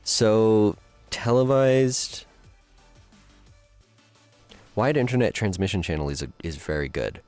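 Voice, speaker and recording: A man's voice: on the low side, normal speed, darkish tone, no echo, faint music behind. A man streaming live, chatting casually with viewers and thinking aloud as he builds.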